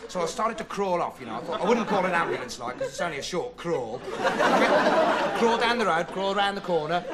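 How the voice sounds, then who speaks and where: A young man playing a dim, rambling self-styled investigative reporter who keeps losing his thread, with ums and rights, in a deadpan comic monologue. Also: sits high, brisk, a loud crowd. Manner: meandering, hesitant, full of ums and rights. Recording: loud studio audience laughter, noisy old TV tape. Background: audience laughing.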